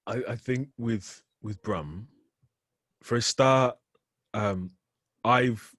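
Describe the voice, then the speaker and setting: A man's voice: mid-range voice, very slow, fairly bright tone, no room sound, clean studio sound. A young man with a light Birmingham accent, chatting casually as a poet guest. He laughs often and talks loosely, with many restarts. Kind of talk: casual conversation.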